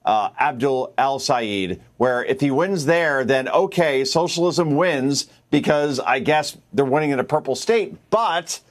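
A man's voice: mid-range voice, measured pace, few pauses. A man appearing as a guest contributor, giving assertive political commentary with some restarts.

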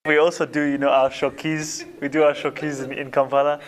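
A man from Uganda talking casually and haltingly in an old interview clip. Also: fairly high pitch, little pitch movement.

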